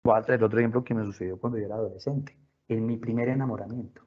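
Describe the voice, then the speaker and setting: This man addresses parents in a workshop from his home, where pets are close by, earnestly telling personal stories and posing questions. He talks fast in a husky, lowish voice with fairly even intonation, and the sound is dull.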